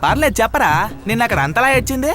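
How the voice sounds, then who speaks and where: A man's voice: very high voice, big pitch swings, very fast. An actor playing a rowdy young man who teases and mocks a newcomer, over film music. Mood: teasing. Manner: mocking, rowdy. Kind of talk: film dialogue.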